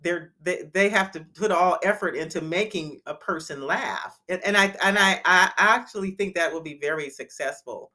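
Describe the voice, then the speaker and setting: A woman's voice: fairly low pitch, normal speed, few pauses, bright, forceful tone. A woman hosting a casual chat, talking in a chatty way with frequent restarts. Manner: chatty, repeats and restarts words. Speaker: host.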